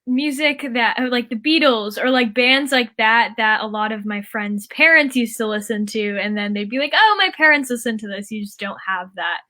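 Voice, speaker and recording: Bright-voiced young woman hosting an interview. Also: on the high side, normal speed, hardly any pauses. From United States. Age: young adult. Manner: chatty, upbeat, with frequent fillers and laughs. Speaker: interview host. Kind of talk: casual interview.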